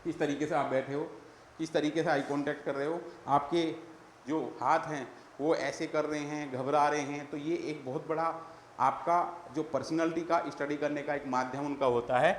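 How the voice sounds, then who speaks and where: A man's voice: on the high side, fairly even intonation, moderate pace, reverberant, slight background noise. A male teacher giving an exam-prep lecture, calling his students "beta" and repeating the key terms.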